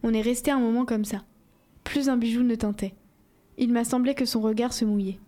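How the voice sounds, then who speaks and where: A woman reading a first-person novel aloud in a steady, measured storytelling voice. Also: on the high side. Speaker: audiobook reader.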